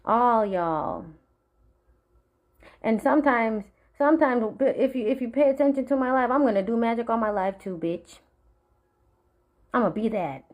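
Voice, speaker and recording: A woman's voice: expressive, a little slow, pauses often, phone-quality sound. Furious, cursing Marshallese woman. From Marshall Islands. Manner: profane, threatening, vengeful; drops to a low menacing murmur. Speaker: vlogger. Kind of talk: angry direct-to-camera rant.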